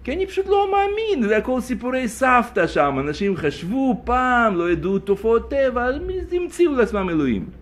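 A man voicing a scornful secular man who mocks and shouts in disbelief while telling a story in a lesson. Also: very high voice, sing-song, few pauses, pitched above the performer's own voice. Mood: scoffing. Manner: mocking, shouting, exasperated. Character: scornful secular Israeli man, loud skeptic.

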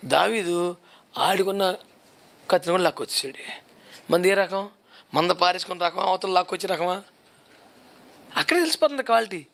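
A man's voice: sits high, lively intonation, a little fast, gravelly, long pauses, fairly bright tone. A male pastor preaching a sermon, driving his points home with repeated rhetorical questions.

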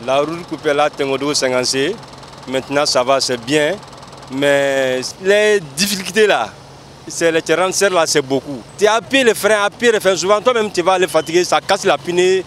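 Male driver, high voice, grumbling roadside interview, faint traffic noise behind. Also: normal speed, a bit bright. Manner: complaining, repetitive.

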